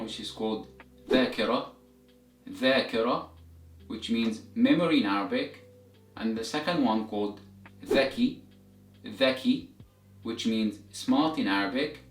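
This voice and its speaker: Male instructor, medium pitch, methodical step-by-step lesson delivery, roomy echoing sound with music behind. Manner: methodical, repeats examples slowly for learners. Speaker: Arabic language teacher. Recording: roomy echo, distant mic, music behind.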